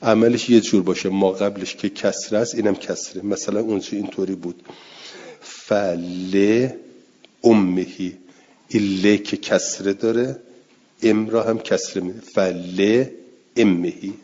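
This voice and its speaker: A man's voice: lowish voice, steady tone, warm tone, husky. A man teaching a lecture class, explaining recitation rules step by step and repeating his examples. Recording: dull lo-fi recording.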